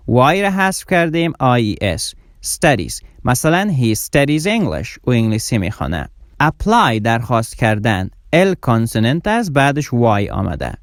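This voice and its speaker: Man, English teacher, slow repeated examples, animated pitch. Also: dry recording, clean studio sound. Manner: slow, deliberate example words, repeated for emphasis. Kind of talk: explaining grammar rules.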